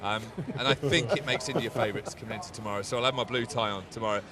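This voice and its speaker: A man's voice: fairly low pitch, rapid-fire, a crowd in the background. An English man giving wry, self-mocking cricket analysis on a panel at a ground. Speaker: cricket pundit. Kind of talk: joking cricket panel chat.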